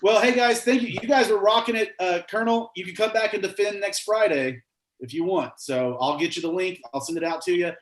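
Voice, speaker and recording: A man runs a casual trivia quiz, cracking jokes between the questions he reads aloud. His voice sits on the high side for a man. The room around him echoes noticeably. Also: fairly quick. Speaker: trivia host. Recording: roomy echo.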